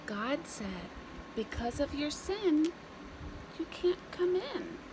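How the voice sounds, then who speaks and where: Reading to young children, a woman with a high-sitting voice tells the story expressively and deliberately. She keeps her phrases simple and adds dramatic pauses, with background noise in the recording.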